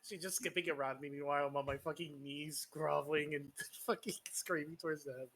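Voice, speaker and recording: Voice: mid-range voice, fairly even intonation, a little fast, a bit bright. A tabletop game player chatting and joking in a theatrical way. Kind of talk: casual tabletop role-play chat.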